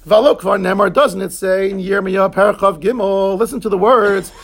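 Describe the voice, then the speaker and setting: A man leads a Talmud class, glossing each term in English and turning to his students between points. His voice sits high and has a gravelly, husky edge. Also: fairly even intonation. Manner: explains terms in English, quick asides to students. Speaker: rabbi teaching Talmud class.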